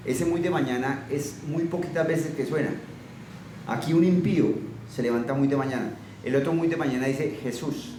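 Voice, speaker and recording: Mellow preacher in an echoey hall. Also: male voice, medium pitch, slight background noise. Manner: earnest, repeats phrases for emphasis. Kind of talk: sermon with scripture reading. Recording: very echoey room from a distance.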